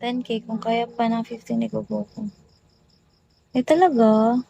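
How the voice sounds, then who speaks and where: Woman streamer on a phone, a bit high-pitched, greets viewers one after another in casual chat. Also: little pitch movement, unhurried, gravelly, mellow, poor audio. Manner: chatty, rattles off viewer greetings. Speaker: livestream host.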